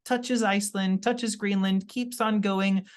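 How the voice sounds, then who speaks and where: A man's voice: sits high, steady tone, measured pace, smooth. A man teaching a history lesson in a chatty, explaining way, often checking in with his listeners. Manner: chatty, explaining with asides and "right?".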